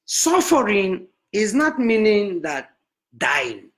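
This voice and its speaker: A man doing a booming Nigerian prophet. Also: big pitch swings, extremely slow, a bit bright, heavily acted. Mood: preaching. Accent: Nigerian English. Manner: broken English, declaiming sermon. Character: pompous preaching male prophet, booming and solemn. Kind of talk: comic sermon.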